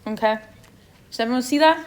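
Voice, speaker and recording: A woman's voice: high voice, fairly quick. A young woman with a non-native English accent leading an exam review session, asking the students questions and checking in with "okay?" as she goes. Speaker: chemistry review session leader.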